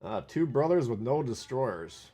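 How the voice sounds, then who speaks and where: A man's voice: mid-range voice, expressive, measured pace, warm tone, breathy edge. A man with a Minnesota accent hosting a live game stream, chatting casually, joking and reading viewer comments aloud. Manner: chatty, wisecracking, reads viewer chat aloud. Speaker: livestream gaming host.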